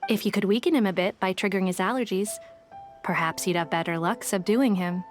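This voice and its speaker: An actress playing a calm, courteous female merchant with a calculating edge in a game. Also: medium pitch, a little fast, close to an everyday voice. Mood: sly. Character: polite scheming female merchant, smooth and calculating. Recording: game audio with music behind.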